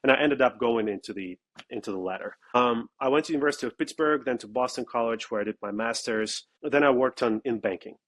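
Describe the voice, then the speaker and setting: A man's voice: mid-range voice, fast, a bit bright. Founder guest, man, blunt and emphatic, mid-range voice. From Russia. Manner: blunt and emphatic, with frequent "okay?" asides. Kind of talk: casual interview talk.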